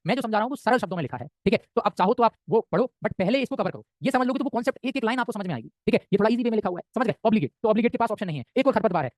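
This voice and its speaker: Indian male tutor, high and very fast, dry close sound, quizzes the class nonstop. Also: dry recording. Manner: rapid, keeps asking "samjhe?" and answering himself. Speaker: teacher. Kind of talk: exam-prep lecture.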